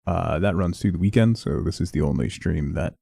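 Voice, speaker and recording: A man with a low, creaky voice hosts a casual game stream. He sounds sedated and subdued, with a flat affect and a mellow tone, though his pitch still wanders up and down as he chats. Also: a little fast. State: heavily medicated, subdued. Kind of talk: casual livestream intro talk.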